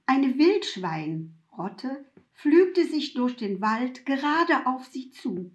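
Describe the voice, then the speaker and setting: A woman narrating a story in an expressive, dramatic reading style. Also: high-pitched, drawn-out words. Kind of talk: scripted narration.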